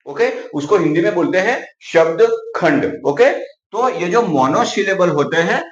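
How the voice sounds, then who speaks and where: A man's voice: high-pitched, lively intonation. Echoey man teaching grammar. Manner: says "okay" often, writes while explaining; repeats example words slowly. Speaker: English teacher. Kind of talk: explaining grammar to viewers. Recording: echoey, slightly dull recording.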